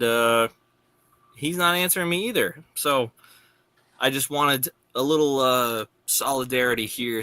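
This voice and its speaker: A man speaking as a wrestling champion in an in-character interview, earnest and deliberate with halting phrases. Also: medium pitch, sharp tone, dry recording. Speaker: wrestling champion, panel guest.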